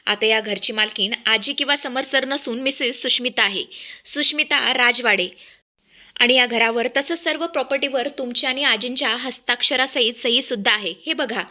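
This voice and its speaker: A woman's voice: fairly high pitch, moderate pace, bright, forceful tone. A woman voicing a formal, polite male lawyer.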